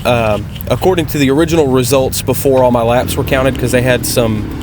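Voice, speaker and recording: A man's voice: medium pitch, a little fast, background noise. A man giving a casual, conversational vlog voice-over as an amateur dirt bike racer, plain-spoken and rambling. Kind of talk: casual vlog voice-over commentary on race footage.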